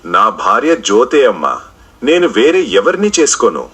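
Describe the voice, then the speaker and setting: A man's voice: lowish voice, brisk, bright, forceful tone, slightly rough, full character voice. A man voicing a young married son caught between his mother and his wife, pleading and emotional in an audio drama. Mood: firm.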